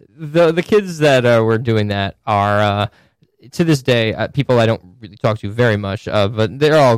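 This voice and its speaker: Chatty man with a smooth, dry voice. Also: mid-range voice, no room sound. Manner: rambling, uses many fillers. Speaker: podcast host. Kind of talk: casual chat.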